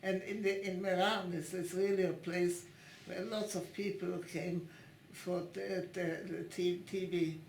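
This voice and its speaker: A woman in her nineties, born in Italy and raised in Italy and Switzerland, recalling her past in an oral history interview at her home, speaking haltingly and restarting often as she searches for words. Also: lowish voice, little pitch movement, darkish tone, slight background noise. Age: 90s. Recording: roomy echo in a home.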